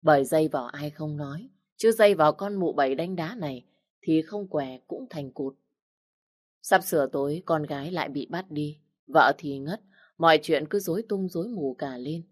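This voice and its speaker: A woman narrating an audiobook story in a steady storytelling manner. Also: deep voice, normal speed, dry recording, studio quality. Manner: steady storytelling, voicing every character.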